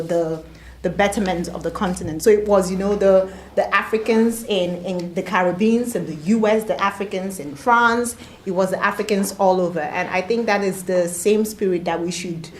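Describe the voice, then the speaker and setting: A woman's voice: mid-range voice, steady tone, normal speed. A woman moderating a panel discussion, speaking earnestly and with conviction, often repeating words. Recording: echoey room, faint noise.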